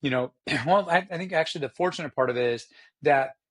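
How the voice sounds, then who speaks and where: A man co-hosting a podcast in casual motorsport chat, with a hoarse, rough voice and a rambling, slangy, enthusiastic way of talking. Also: fairly high pitch, fast, fairly bright tone. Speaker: podcast co-host.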